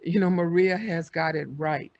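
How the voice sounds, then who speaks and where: An older woman speaking on a panel, reflective and measured as she tells her own story. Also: on the low side, fairly even intonation, a little mellow, no echo. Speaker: panelist, community advocate. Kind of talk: panel discussion. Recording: dull lo-fi audio.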